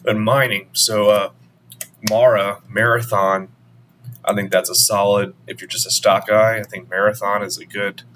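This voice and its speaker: A man talks through market commentary in a casual, meandering way, often restarting and trailing off. His voice sits low and is wearing out, turning hoarse. A faint hum runs underneath. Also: a bit bright. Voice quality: voice going hoarse. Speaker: crypto channel host.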